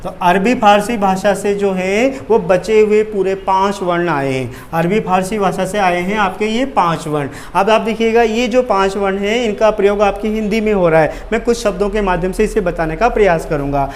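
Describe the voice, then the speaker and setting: A man's voice: high voice, normal speed, few pauses, slight background noise. A male teacher giving an exam-prep grammar lesson at a board, asking questions and answering them himself.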